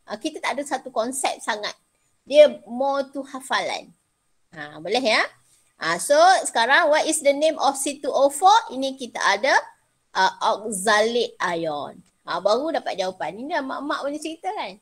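Teaching chemistry informally on a video call from indoors, this middle-aged woman has a high-pitched, fairly bright voice and a Malaysian Malay accent. She chats freely, goes over points more than once, and slips English terms into her speech.

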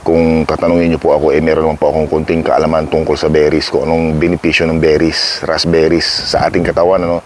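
Low-voiced man vlogging in a backyard. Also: little pitch movement, fast talker, hardly any pauses, slight background noise. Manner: rambling, self-mocking, chuckles often. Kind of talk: casual chatty vlog addressing viewers. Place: outdoor backyard. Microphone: clip-on microphone.

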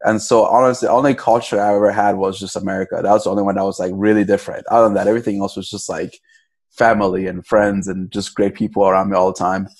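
A man's voice: lowish voice, little pitch movement, fast, darkish tone. A young man from Cameroon, a podcast guest, talking casually in a loose, rambling way with many restarts. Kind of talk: casual interview.

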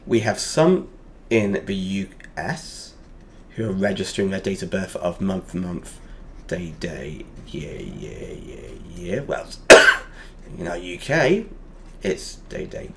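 Guy with a lower voice walking through a whiteboard lesson, lots of ums, slight hiss behind. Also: sing-song, slow, gravelly, bright, forceful tone. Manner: explaining step by step with many fillers. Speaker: teacher.

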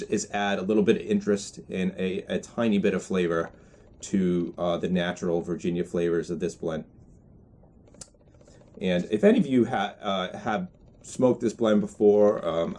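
Young male reviewer, 20s, low-pitched, thoughtful pauses, casual and measured delivery, recorded indoors. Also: darkish tone. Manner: measured, hesitant, pausing to find words. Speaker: product reviewer. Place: indoors in a small room with bookshelves.

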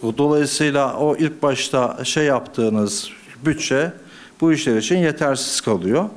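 Man, budget committee member, podium microphone, formal council address, measured, hesitant fillers. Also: mid-range voice.

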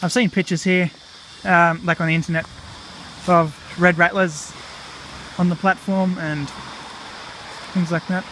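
An Australian man narrates his walk in an easy, chatty way, dropping "righto" and little fillers. His voice sits a touch high. The camera mic picks him up outdoors, with insects and distant traffic clearly audible behind him. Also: flat delivery, unhurried, a bit bright. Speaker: vlog host. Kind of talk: casual walking vlog narration. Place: outdoors on a disused railway platform in a park. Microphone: handheld camera mic while walking.

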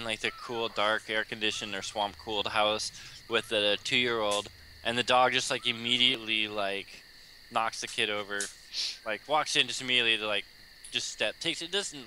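A gamer in a let's play group trades crude, teasing banter with friends in casual chat while playing an online game. His mid-range voice is bright with a forceful tone, and the recording is rough, with faint noise, insects and game ambience.

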